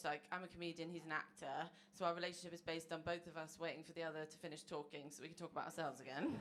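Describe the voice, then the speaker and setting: A medium-pitched, fairly bright-toned woman in her thirties delivers a chatty stand-up set full of self-mockery, laughing through her jokes on a comedy club stage. The live club recording is noisy.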